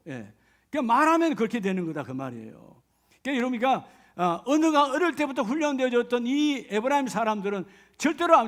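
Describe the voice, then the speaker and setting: A middle-aged male pastor preaching a sermon in a conversational way, often asking the congregation rhetorical questions. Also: very high voice.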